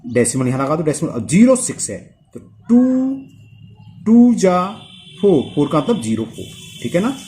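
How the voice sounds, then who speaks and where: A man teaching maths step by step, working sums aloud and checking his work as he goes. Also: fairly high pitch. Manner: talks through sums aloud, checks himself, asks "clear?".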